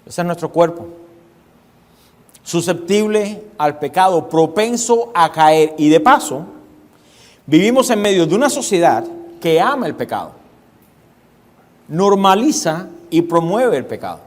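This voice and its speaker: A male pastor delivers an emphatic sermon in a slightly high voice, repeating key phrases and throwing rhetorical questions to his listeners. His words ring out with the long reverb of a church hall. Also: big pitch swings, measured pace, long pauses, a little mellow.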